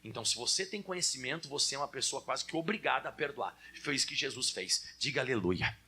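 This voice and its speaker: A man's voice: mid-range voice, expressive, quick pace, pushed and bright, slightly rough. A Brazilian man preaching a sermon in a conversational way, speaking straight to his congregation. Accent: Brazilian Portuguese.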